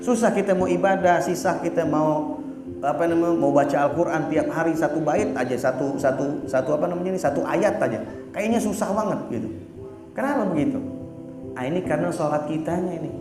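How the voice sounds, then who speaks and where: A man with a fairly high voice delivers a religious sermon at a fairly quick pace, casual, blunt and teasing in manner. He often pauses to search for words, using fillers like "apa namanya". The room is echoey, with music in the background.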